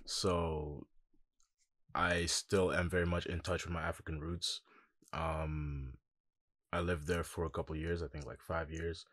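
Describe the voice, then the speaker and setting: A young man from Congo, a musician guest in a casual interview, talking in a relaxed, reflective way with lots of "like" and "um". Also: a bass voice, unhurried, no room sound.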